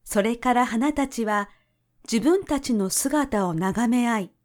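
Woman storyteller reading a children's tale, unhurried and gentle, voice sitting a little high. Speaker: narrator. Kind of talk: storybook narration.

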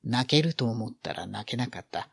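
Guy reading a story out loud, voice swinging all over the place, real animated, dry close sound. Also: mid-range voice, normal speed, gravelly, husky, no room sound. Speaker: narrator. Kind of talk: expressive literary reading.

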